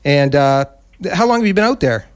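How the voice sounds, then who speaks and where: A man's voice: fairly high pitch, lively intonation, brisk, clear, resonant tone. A man hosting a live radio interview, friendly, with short encouraging interjections. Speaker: radio host.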